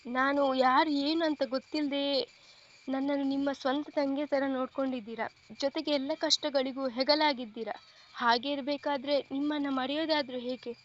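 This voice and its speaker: A woman's voice: sits high, muffled recording, lightly acted. A woman voicing a humble, grateful young woman who speaks politely and earnestly, with some hesitation, in a storybook reading.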